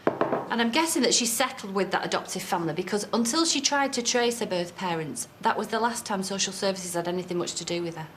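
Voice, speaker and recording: A woman plays a social worker in a TV drama. She sounds composed and professional, with a mid-range voice. She explains things clearly. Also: mid-range voice, fairly quick, a little hiss or hum, close to an everyday voice. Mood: informative. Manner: professional, informative. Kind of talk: TV soap drama.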